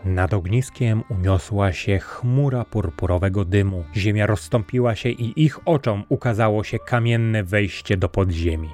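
A man narrating a fairy tale in a calm, measured storybook style. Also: lowish voice, soft background music.

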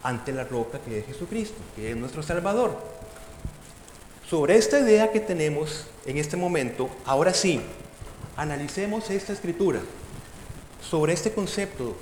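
A male preacher delivers an emphatic sermon, his high voice swinging up and down as he puts rhetorical questions to the congregation. The sound is roomy, with a long hall reverb. Faint noise sits underneath. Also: expressive, moderate pace, a little mellow.

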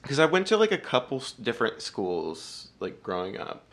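A man chatting casually on a podcast as a guest, hesitant and full of fillers, joking with a deadpan delivery. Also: mid-range voice, moderate pace.

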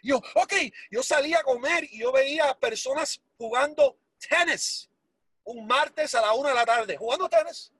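A man's voice: extremely high pitch, moderate pace, a bit bright, no echo. A man giving an emotional, emphatic motivational speech, repeating words for force and dropping English phrases into his talk. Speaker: motivational speaker for a sales business.

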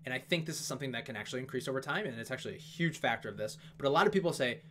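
A man talking fast and casually as he walks through an investment analysis, with plenty of fillers and asides. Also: medium pitch, lively intonation, a bit bright. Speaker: investing video host. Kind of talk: casual stock analysis talk.

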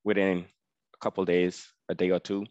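A man's voice: low-pitched, little pitch movement, moderate pace, darkish tone, no echo, lo-fi sound. A man talking about his delivery work in an easygoing, conversational way. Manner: easygoing, conversational, says you know often. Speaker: guest, freight delivery business owner. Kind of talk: casual interview.

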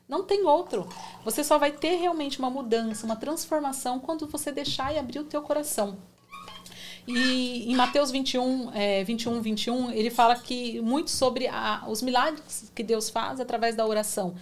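A woman's voice: fairly high pitch, a little hiss or hum. Woman telling her faith testimony, emotional. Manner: emotional, animated storytelling with reenacted prayers. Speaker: guest giving testimony. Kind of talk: faith testimony in podcast conversation.

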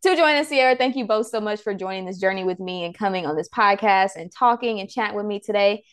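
A woman's voice: mid-range voice, fast, clean tone. Sassy woman hosting a podcast. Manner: sassy, playful, teasing. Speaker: podcast host. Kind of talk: casual podcast chat.

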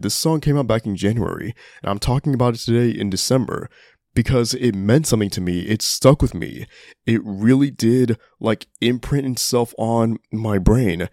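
A young man hosting a music podcast, counting down songs in an enthusiastic, profane, casual way, his voice a bit hoarse. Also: lowish voice, a little mellow, no room sound, studio quality. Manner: enthusiastic, profane, conversational with fillers. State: voice getting hoarse. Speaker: podcast host.

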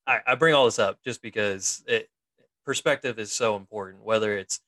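A man's voice: fairly low pitch, moderate pace, a bit bright, dry recording. A man in his thirties co-hosting a casual podcast chat, chatty with lots of fillers and frequent laughter. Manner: laughs often, chatty with many fillers and restarts. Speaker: co-host, military investigator in the reserves.

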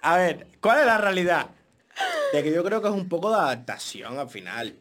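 A man's voice: a little high, big pitch swings, normal speed, fairly bright tone. A young man from Latin America co-hosting a podcast, casual and emphatic as he argues his points. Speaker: podcast co-host. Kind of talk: casual chat.

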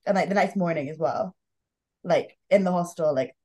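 A woman co-hosting a casual podcast tells a chatty story in a fairly low, slightly mellow voice at normal speed. She says "like" constantly and keeps breaking into laughter.

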